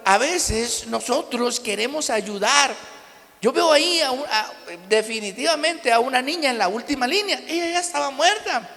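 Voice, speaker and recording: A man with a Mexican Spanish accent preaches a sermon, his voice set unusually high. He keeps addressing the congregation as brother and circles back through restarts and little tag questions. The sound rings with a long reverb from the church hall. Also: fairly bright tone. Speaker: pastor.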